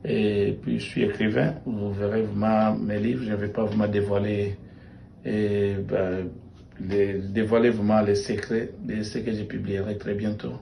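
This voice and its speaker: A man's voice: fairly low pitch, little pitch movement, a little slow, gravelly, mellow, slight background noise. A middle-aged Congolese man, a journalist and writer, speaking reflectively and emphatically in a documentary interview, repeating phrases for stress. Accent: Congolese French. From Democratic Republic of the Congo. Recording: echoey room with faint ambience.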